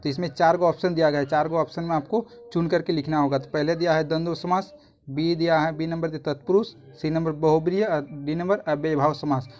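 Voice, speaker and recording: A man's voice: fairly high pitch, fairly even intonation, fairly quick, a little mellow. A man, a YouTube tutor walking through exam answers in a casual, repetitive way that often restarts phrases.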